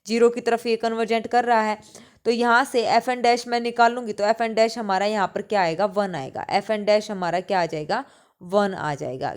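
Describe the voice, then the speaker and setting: A woman teaching a maths exam-prep lecture, mixing English terms into her speech, asking questions and answering them herself, repeating key points. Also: medium pitch. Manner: mixes English math terms into Hindi speech. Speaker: mathematics teacher.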